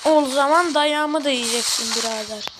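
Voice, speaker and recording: A young woman commentating her own mobile game play, excitable and slangy, often yelling at the characters on screen. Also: high voice, moderate pace, music in the background, low-quality recording. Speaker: gaming channel host.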